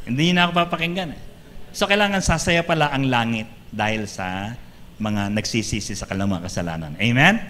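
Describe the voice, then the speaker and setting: A man preaching as a pastor, lively and joking, often calling out to the congregation for an "Amen.". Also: medium pitch, normal speed, big-room sound. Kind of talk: sermon. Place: church hall.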